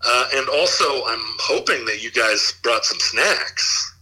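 A man chatting casually as a called-in guest, explaining things in a halting way. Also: mid-range voice, animated, sharp tone, poor audio. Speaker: guest giving advice by call. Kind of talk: casual chat.

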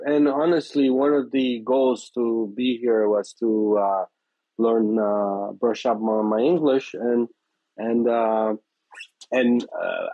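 Being interviewed casually, a chef and restaurant owner from Brazil, a man in his fifties, answers hesitantly and fills his speech with fillers. He has a Brazilian Portuguese accent and a mellow, mid-range voice, captured in a dry, slightly dull recording.

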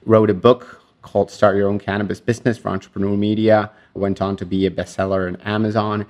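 Guy from argentina, lots of "you know", friendly, lowish voice. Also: little pitch movement, a little fast, darkish tone. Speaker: guest, media executive. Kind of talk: interview conversation.

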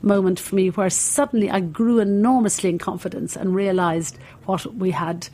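A woman's voice: mid-range voice, fairly even intonation, normal speed, dark tone. An older woman with an Irish accent, a cookery school founder and guest, telling long stories in a rambling way with many fillers. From Ireland. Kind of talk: interview, telling a story.

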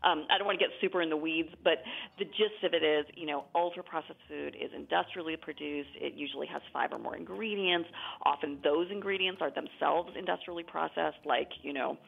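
A woman author talks through her subject in a relaxed, chatty interview, full of little fillers. Her voice sits low and gravelly. It comes through a thin, phone-like line. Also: a little fast. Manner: chatty, explanatory, frequent fillers. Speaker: author guest. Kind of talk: conversational interview.

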